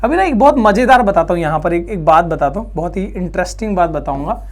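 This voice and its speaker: A man's voice: high-pitched, animated, fast. A male physics teacher from India giving a classroom lecture, chatty and coaxing, asking questions and answering them himself. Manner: coaxing, reassuring students.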